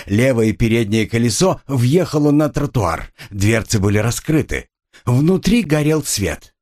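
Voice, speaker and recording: A man narrating a travel book in a dramatic, expressive storytelling manner. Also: medium pitch.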